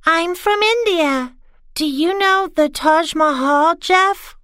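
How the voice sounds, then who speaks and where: A woman voicing a young schoolgirl in a textbook listening dialogue, speaking slowly and very clearly. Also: extremely high pitch, a bit bright, no echo, studio quality, heavily acted. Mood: cheerful. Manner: slow, deliberate, very clear. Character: young schoolgirl pupil introducing herself. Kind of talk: slow scripted textbook dialogue.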